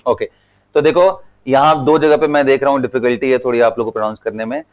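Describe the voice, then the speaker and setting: A man teaching a chemistry lesson, slowly drilling element names and repeating them so students can follow, mixing in English terms. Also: medium pitch, fairly even intonation. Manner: mixes Hindi with English terms, calls students beta. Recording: tinny phone-like audio.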